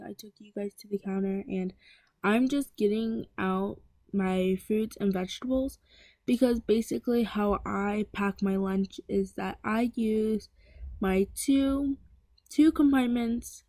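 In a dry recording, a teenage girl vlogger with a warm, mid-range voice chats casually over a voice-over about packing her lunch in her home kitchen, rambling with plenty of fillers and restarts.

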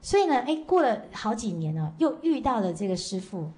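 A woman's voice: on the high side, very animated, mellow. A woman Buddhist teacher giving a dharma lecture to a class, telling stories and tagging her sentences with short fillers. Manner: storytelling with frequent "好" and "哦" tags; slow measured chanting leader at the close.

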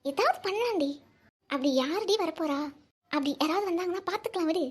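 A high, fast-talking young woman in a cartoon voiced by a woman, a big sister who scolds and teases her little sibling in brisk bursts. Her pitch stays very high throughout. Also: expressive. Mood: teasing. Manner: brisk and teasing. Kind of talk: cartoon voice acting.

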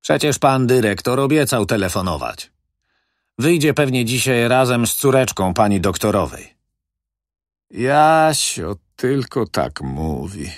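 A man voicing an anxious, fretful old woman in an audiobook, speaking in a soft, pleading way and pitching his voice up. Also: lively intonation, a little slow, no room sound, clean studio sound, close to an everyday voice.

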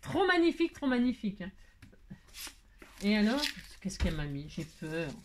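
A woman's voice: medium pitch, very animated, moderate pace, heavy background noise. A woman craft vlogger chatting to her viewers while opening mail, effusive and gushing, repeating her exclamations and often trailing off to restart. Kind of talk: casual chat to viewers.

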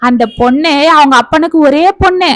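A woman's voice: high-pitched, normal speed, dry recording, natural voice, low-quality recording. A woman storyteller voicing a greedy, domineering middle-aged village mother who nags and scorns her husband. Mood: scornful. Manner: sharp, scornful, nagging.

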